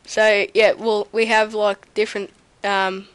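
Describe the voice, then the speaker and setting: Speaking at a medium pitch with little rise or fall, a young woman with a mild cold slowly walks viewers through her game server, pausing often and saying um a lot. It's casual gameplay talk from her computer at home, with no room sound and audible typing near the desk microphone.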